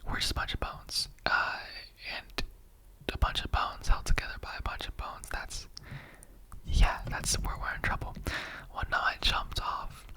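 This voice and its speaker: In a whispered ASMR roleplay, a performer voices a casual skeleton who's mildly offended, talking in a rambling, slangy, conversational style. The recording is rough.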